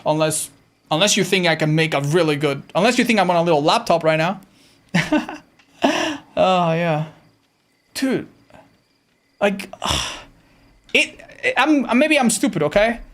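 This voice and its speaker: High-voiced, slightly raspy streamer man. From Andorra. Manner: animated, swearing, answers chat while playing. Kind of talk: casual live-stream chat.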